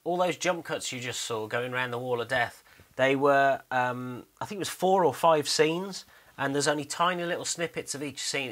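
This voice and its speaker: Over a screen recording of his animation work, a man narrates casually and without a script. His voice is very bright and forward at an ordinary pitch, and he rambles and hesitates while explaining, modestly putting himself down.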